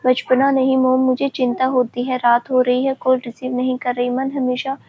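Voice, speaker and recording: A woman's voice: sits high, completely flat delivery, normal speed, slight background noise, close to an everyday voice. A woman voicing an anxious, protective mother who keeps asking questions. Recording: dull lo-fi recording.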